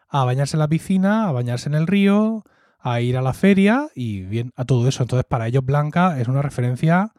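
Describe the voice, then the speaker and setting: A man's voice: medium pitch, darkish tone, no room sound, clean studio sound. A man with a Murcian accent, co-hosting a podcast and telling fond, reflective stories in casual conversation, often tagging his lines with a questioning "¿no?". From Murcia, Spain. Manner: reflective, fond storytelling with frequent "¿no?" tags. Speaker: podcast co-host.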